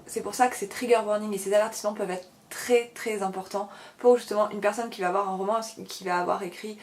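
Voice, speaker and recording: A young woman with a French accent, talking earnestly to camera as a writer and video blogger, often pausing and correcting herself. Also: mid-range voice, fairly even intonation, darkish tone. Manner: earnest, many hesitations and self-corrections. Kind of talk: casual explanatory talk to camera.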